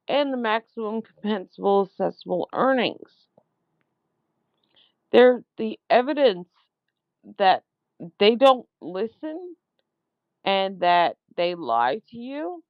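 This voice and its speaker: A woman leaving a long complaint voicemail, speaking in an accusatory, emphatic and halting way, repeating words for stress. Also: mid-range voice, dry recording. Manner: slow, deliberate, halting phrasing. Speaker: caller. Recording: dull lo-fi voicemail phone recording.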